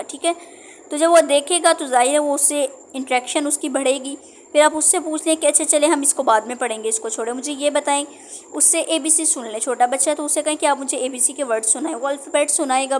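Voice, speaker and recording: A woman with a high voice and a slightly sore throat teaches fellow tutors in a steady instructional manner. She often pauses to check understanding as she goes. A faint hum of background noise sits under her voice. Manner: steady explaining tone with frequent "theek hai" check-ins. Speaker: Quran teacher training tutors. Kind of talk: instructional talk.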